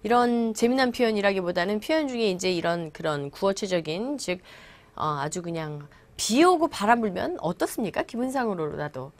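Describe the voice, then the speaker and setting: A woman English teacher giving a classroom-style lecture. She explains patiently and reads each English example slowly and deliberately. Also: medium pitch, lively intonation. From Korea.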